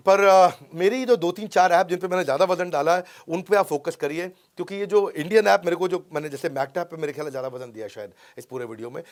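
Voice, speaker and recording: A middle-aged man with an Indian accent, teaching in an energetic, emphatic way and often checking in with his listeners. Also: fairly high pitch. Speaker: business coach and YouTube host. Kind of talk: motivational teaching talk.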